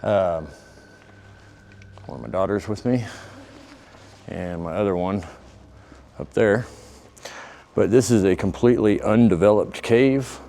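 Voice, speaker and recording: Hiking dad vlogger with a lowish voice, casual and amazed, echoing in a huge cave. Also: male voice, a little slow, creaky, long pauses, mellow. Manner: easygoing, amazed tour-guide chatter. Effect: cave echo. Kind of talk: casual outdoor vlog narration. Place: inside a large dark undeveloped cave.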